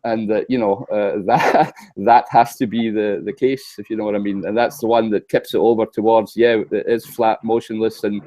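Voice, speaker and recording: Hesitant Scottish-raised man, mellow dry voice. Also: fairly low pitch, steady tone, moderate pace, few pauses, dry recording. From west coast of Scotland. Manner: hesitant, many fillers and restarts. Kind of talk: casual discussion on a video call. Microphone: video call.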